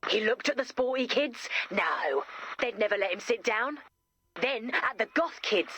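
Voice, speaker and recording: A woman voices a chipper, theatrical camp counselor telling spooky stories in a video game, with an upbeat storytelling manner. Her voice is a little high, expressive and sharp at a measured pace, with a slight hiss or hum.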